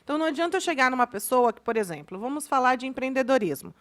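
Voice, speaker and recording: A high-pitched woman from Brazil co-hosting a casual podcast. She talks emphatically and holds firm opinions, often cutting in to disagree. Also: animated, very fast, a bit bright. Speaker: podcast co-host.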